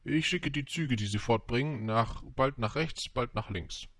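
A man's voice: medium pitch, a little slow, fairly bright tone, no room sound, voice pushed up. A man voicing a weary railway switchman in an audiobook, speaking in a dry, matter-of-fact way.

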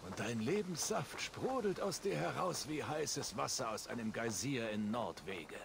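A man's voice: medium pitch, lively intonation, a little slow, vocal fry. An actor playing a boastful Norse warrior who rambles on while talking in his sleep, in a video game. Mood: dreamy, bragging. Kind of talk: video game character dialogue. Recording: game audio with outdoor background noise. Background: outdoor game ambience.

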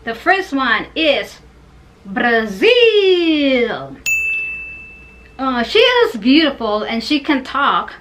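A young woman vlogger with a high voice chats unhurriedly to her camera, gushing and breaking into excited bursts. She fills her pauses with ums and talks like a friend in a sit-down vlog. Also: slight background noise.

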